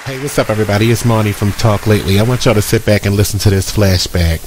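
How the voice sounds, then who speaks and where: A man's voice: fairly low pitch, fast, slight background noise. A man hosting a radio promo, joking in a loose, slangy way. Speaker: promo host for another show. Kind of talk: casual promo banter. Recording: promo clip with loud music bed.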